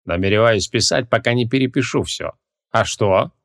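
A man voicing an arrogant ancient male mage who talks in a low, dry, dismissive drawl. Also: moderate pace, fairly bright tone.

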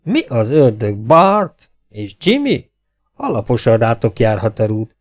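A man's voice: mid-range voice, big pitch swings. A man reading an audiobook, voicing a tall, well-fed rider who sounds uneasy and puzzled. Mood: surprised. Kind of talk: audiobook character voice.

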